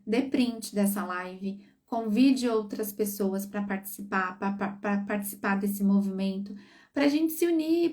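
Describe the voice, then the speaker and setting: On a live stream, a psychologist with a fairly high voice, recorded from a distance, shares advice for parents. Warm and coaching, she regularly checks that her listeners are with her.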